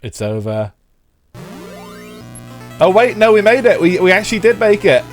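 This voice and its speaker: Over soft background music, a man with a stuffy head cold offers rambling live-stream commentary on an old racing game, chatting with viewers. His high voice has a sing-song quality and a moderate pace.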